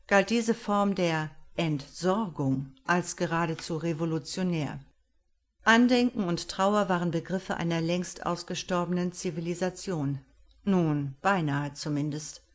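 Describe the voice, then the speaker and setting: A woman reads an audiobook aloud with measured, expressive storytelling. Her voice sits on the lower side for a woman and she shapes each sentence with care. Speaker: narrator. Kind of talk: audiobook narration.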